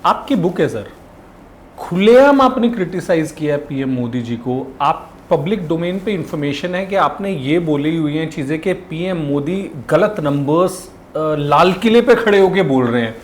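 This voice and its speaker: A man's voice: a little high, expressive, moderate pace, slight background noise. A man hosting a podcast, asking polite, respectful interview questions. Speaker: podcast host.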